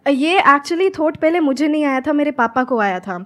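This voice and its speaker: A young woman from Haryana, a guest who teaches English, answering calmly in Hindi and English in a coaching tone. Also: high-pitched, moderate pace. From Haryana, India. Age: young adult. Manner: calm, explanatory, coaching tone.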